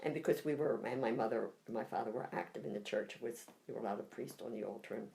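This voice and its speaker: Tearful older woman with a low, gravelly voice. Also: mellow. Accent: Philadelphia. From United States. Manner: halting, reflective, emotional. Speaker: interviewee. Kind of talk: personal recollection interview.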